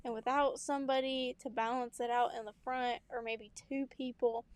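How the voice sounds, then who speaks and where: A young woman who co-hosts a podcast tells family stories casually, laughing a lot and acting out people's words. Her fairly high, smooth voice has a flat delivery at normal speed.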